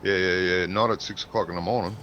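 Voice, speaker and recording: A man's voice: deep voice, fairly even intonation, fast, bright, forceful tone, muffled recording, a little hiss or hum. A man with an Australian accent chatting casually with other players, making dry jokes. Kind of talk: casual stream chat.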